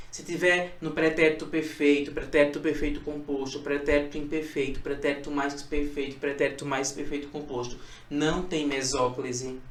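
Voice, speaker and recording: A male teacher giving a recorded grammar lesson, explaining rules step by step and repeating key points. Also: fairly high pitch. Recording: echoey room, voice from a distance.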